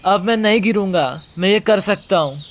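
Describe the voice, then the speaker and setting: A man voicing a calm, quiet young male free climber from a manga, speaking matter-of-factly. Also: high-pitched, moderate pace.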